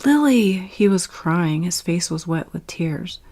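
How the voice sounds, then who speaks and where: A woman's voice: fairly low pitch, fairly even intonation, slow, darkish tone. A woman reading her science-fiction story aloud in a casual way, laughing at it at times. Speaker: narrator.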